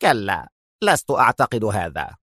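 A man voicing a stern young male team leader in an audiobook, speaking in a firm, measured way. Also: lowish voice, big pitch swings, sharp tone, no echo, studio quality, pitched below the performer's own voice, full character voice.

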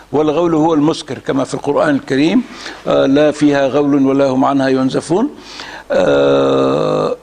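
Gravelly Egyptian scholar, measured delivery. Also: male voice, a little high, a little mellow. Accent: Egyptian Arabic. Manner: measured and deliberate, with frequent drawn-out hesitation sounds. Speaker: religious scholar giving a reading series. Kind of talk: lecture reading and commenting on a classical text.

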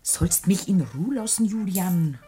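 A woman's voice: on the low side, expressive, measured pace, warm tone, faint music behind. An actress playing a village woman muttering numbers as she counts money in a 1950s radio drama. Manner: murmured, absorbed counting.

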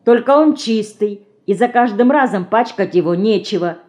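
A woman reading an audiobook, voicing an earnest village girl with Ukrainian-tinged rural speech who lectures slowly and solemnly. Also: medium pitch, expressive, darkish tone, voice pushed up, close to an everyday voice. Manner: slow, solemn, folksy lecturing.

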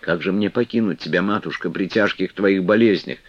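A man's voice: deep voice, a little fast, no echo, voice pushed up. A man reading the part of a devoted young novice woman who pleads through tears. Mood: tearful. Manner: tearful, pleading. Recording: dull, dry lo-fi recording.

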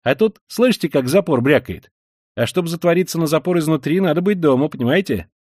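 A man reading an audiobook, voicing an excitable young law student who talks loudly and insistently. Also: fairly high pitch, no echo, studio quality, pitched above the performer's own voice. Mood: eager, urgent. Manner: loud, quick, insistent.

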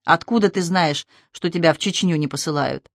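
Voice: mid-range voice, moderate pace, vocal fry, no echo, clean studio sound, close to an everyday voice. Reader voicing an anxious, alarmed mother. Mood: pleading. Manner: alarmed, pleading. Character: anxious mother fearing for her son.

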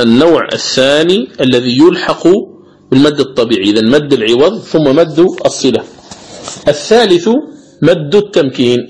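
A man teaching the rules of Quran recitation in a recorded lecture, explaining patiently, repeating key phrases and drawing out the recited examples slowly. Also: medium pitch, husky, poor audio. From Algeria.

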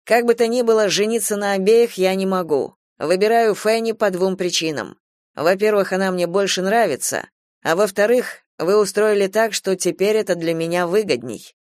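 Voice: medium pitch, moderate pace, dry recording, clean studio sound, close to an everyday voice. A reader doing a mocking young sergeant. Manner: mocking, cool. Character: young soldier, mocking and cynical. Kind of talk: audiobook character reading.

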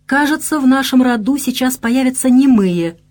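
A woman's voice: medium pitch, lively intonation, darkish tone, natural voice. Woman doing a fiery young bride. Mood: angry. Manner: quick, hot-tempered. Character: fiery young bride, quick-tempered and capricious.

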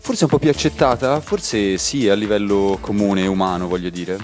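A man's voice: lowish voice, normal speed, faint music behind. A man from Rome with a Roman accent, co-hosting a casual radio chat with a joking, teasing manner. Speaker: radio co-host.

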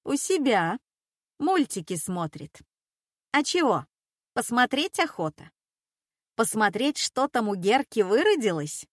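A woman voicing a gruff, grieving old grandmother. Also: on the high side, big pitch swings, a little slow, pauses often, no room sound, clean studio sound, voice pushed up. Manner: gruff, reproachful, plain-spoken. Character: stern, grieving elderly grandmother, blunt and bitter. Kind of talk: audiobook character voice.

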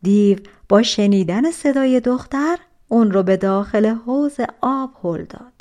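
A woman reading a folk tale aloud as an audiobook narrator, in an expressive, soft-spoken storytelling manner. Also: a little high.

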